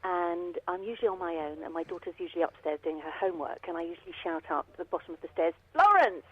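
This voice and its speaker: A woman's voice: fairly low pitch, fairly even intonation, fast, breathy edge, narrow, tinny audio. A woman in her fifties with an English accent, answering interview questions in a chatty, self-deprecating way. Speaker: radio interview guest, former dancer.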